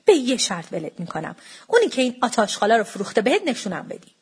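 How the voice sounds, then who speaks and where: A woman voicing a loud, stubborn middle-aged mother who scolds and shouts. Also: a little high, wildly swooping pitch, slightly rough, heavily acted. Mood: scolding.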